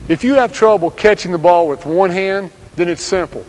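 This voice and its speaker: Man, high-pitched voice, coach narrating, calm instructional read, clear direct commands. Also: moderate pace, loud music behind the voice, rough recording. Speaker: basketball coach.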